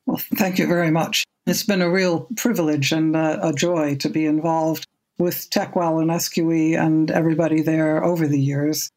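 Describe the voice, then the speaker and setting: Chatting in a casual podcast interview, this guest in her seventies has a low, a little mellow voice with a level tone. Her manner is measured and thoughtful, and she frequently repeats a word when restarting.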